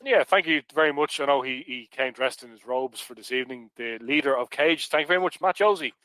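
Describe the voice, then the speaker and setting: A man's voice: mid-range voice, fairly quick, bright, forceful tone, no room sound, rough recording. An Irish man hosting a casual podcast panel, jokey and chatty, plugging merch with frequent restarts. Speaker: podcast host.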